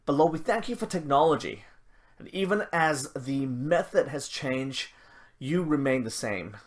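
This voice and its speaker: A man's voice: fairly high pitch, animated, unhurried. A man from Malaysia, a pastor, giving church announcements and opening a prayer in a chatty way with self-deprecating asides. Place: church service, streamed live.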